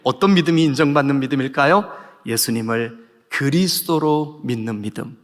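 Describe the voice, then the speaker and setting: A male pastor preaching a sermon, emphatic, dropping to soft low passages and rising to loud shouted peaks. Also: normal speed. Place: church sanctuary. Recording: long reverb of a church hall.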